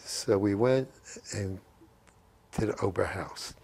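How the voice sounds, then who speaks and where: A man in his eighties who served in WWII takes his time recounting memories for an interviewer, his lowish voice husky, a little mellow and full of vocal fry. The rambling, anecdotal talk, with repeated phrases and quoted dialogue, is captured on a lapel mic in his living room at home.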